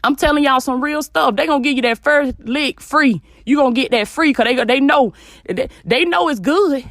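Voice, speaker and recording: A high-pitched woman at a normal speed, her tone a bit bright, hosts a podcast of informal motivational business advice, blunt, emphatic and preachy, with repeated phrases for effect. She's in a small closet at home, yet the sound is clean studio quality with no room sound.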